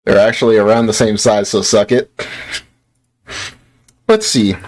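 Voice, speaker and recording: A young streamer from Utah talks to his chat while playing, in a low, fairly even voice at a measured pace. Tired after a long work shift, he rambles playfully and pokes fun at himself.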